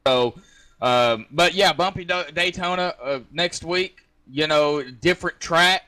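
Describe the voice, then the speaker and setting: A man's voice: on the high side, unhurried, sharp tone. A man interviewing a race winner over voice chat, stumbling and repeating fillers.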